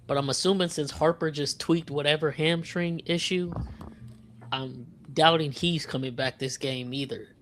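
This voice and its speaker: Male co-host, somewhat higher voice, excitable live-game reactions, swears freely. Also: normal speed, slight background noise. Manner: excitable, profane play-by-play reacting. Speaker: podcast co-host.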